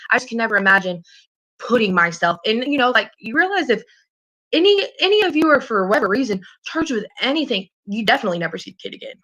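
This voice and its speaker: This caller's voice is a little high and sing-song, with a sharp edge, and she talks fast over poor audio. She's on a private phone call, casual yet earnest, wandering through her thoughts hesitantly, repeating herself and cursing in passing.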